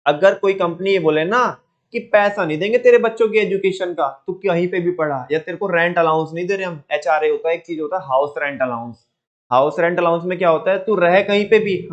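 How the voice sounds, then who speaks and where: एक पुरुष शिक्षक, जो हिंदी में क्लास लेते हुए बार-बार छात्रों से छोटे सवाल दोहराकर पूछता है।. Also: male voice, on the high side, lo-fi sound. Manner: lively, keeps asking students quick repeat questions. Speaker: teacher. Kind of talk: classroom lecture.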